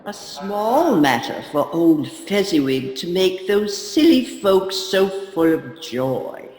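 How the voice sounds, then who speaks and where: A man's voice: high-pitched, sing-song, slow, darkish tone, full character voice. A man playing a grave, commanding ghostly spirit guide in a radio play, with formal speech and ghostly reverb. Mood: questioning. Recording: long echoing hall reverb.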